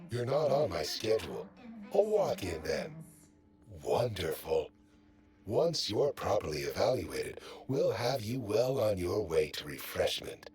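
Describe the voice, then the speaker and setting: A man playing an officious, over-polite wellness centre attendant in a video game, formal and pompous. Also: lowish voice. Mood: officious welcome. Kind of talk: scripted game dialogue.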